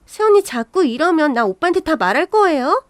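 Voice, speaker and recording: Woman voicing a snippy young sister-in-law for an audio drama, shrill and whiny, high voice. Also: wildly swooping pitch, slow pace, dry recording, clean studio sound, exaggerated voice. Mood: indignant.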